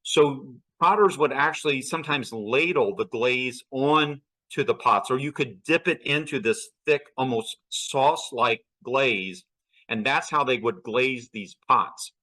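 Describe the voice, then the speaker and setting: A man's voice: mid-range voice, a little slow, pushed and bright, rough recording. A man giving a slide lecture on archaeology, asking questions and answering them himself as he explains.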